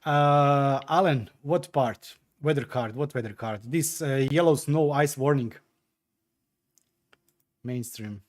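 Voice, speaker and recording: A man with a medium-pitched voice speaks slowly, chatting from home on a livestream as he answers viewer comments. Croatian is his first language, and he comes across as hesitant and talkative, full of fillers and restarts while he tinkers.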